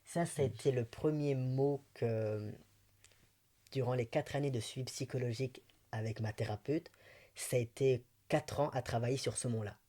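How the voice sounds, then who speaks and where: A man from Belgium with a light Belgian French accent, talking candidly and with emotion as a guest in a personal interview, chatty and quick to laugh. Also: mid-range voice, mellow.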